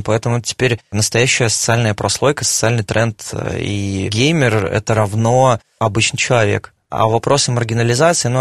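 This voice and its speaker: A man answers at length as a radio interview guest. His voice is on the low side. He explains his points conversationally in a dry studio sound. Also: creaky, no room sound. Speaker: studio guest, esports company manager.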